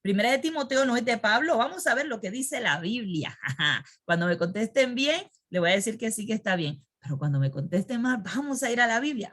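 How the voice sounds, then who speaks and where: A woman's voice: mid-range voice, a bit bright. A woman teaching a Sunday school Bible lesson. She quizzes her class, repeats key words and keeps checking that they follow along.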